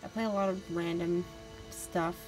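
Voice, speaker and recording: A woman's voice: lowish voice, fairly even intonation, normal speed, poor audio. A woman livestreamer chatting casually and commenting on a game as she plays. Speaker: game streamer. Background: game music.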